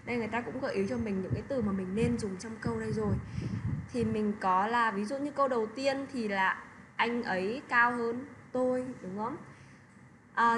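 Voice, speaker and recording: A woman's voice: fairly high pitch, fairly bright tone, a little hiss or hum. A woman teaching an English lesson to children, who keeps checking in with little tag questions. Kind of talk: online lesson explanation.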